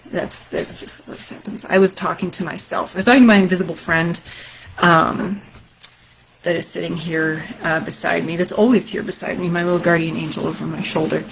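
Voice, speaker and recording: A woman host and storyteller with a deep, sultry voice, chatting casually on a live stream in a rambling way. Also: little pitch movement, brisk, creaky, rough recording. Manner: chatty and rambling, many fillers.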